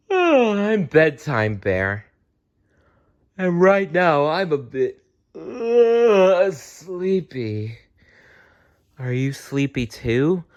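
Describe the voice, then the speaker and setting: A man voicing a sleepy, gentle storybook teddy bear in a drawn-out, sighing, drowsy way. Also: fairly high pitch, sing-song, highs cut off, pitched above the performer's own voice, heavily acted.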